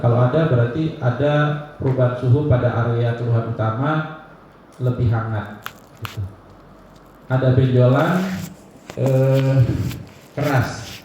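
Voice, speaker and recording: Guy giving a class lecture, kinda high voice, sounds far from the mic in a big echoey room. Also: mellow, slight background noise. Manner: explains by example, asks and answers his own questions. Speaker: instructor.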